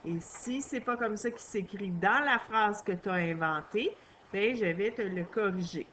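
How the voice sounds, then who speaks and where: Female schoolteacher, slow patient delivery, faint background hiss. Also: medium pitch, fairly bright tone. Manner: slow, patient, addresses the child directly. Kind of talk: recorded spelling lesson for a young pupil.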